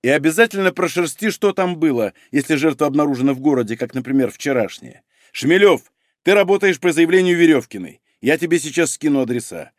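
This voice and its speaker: A man's voice: a little high, lively intonation, a little fast, no echo, studio quality. A man reading the part of a curt, blunt male police investigator giving orders. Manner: curt, commanding.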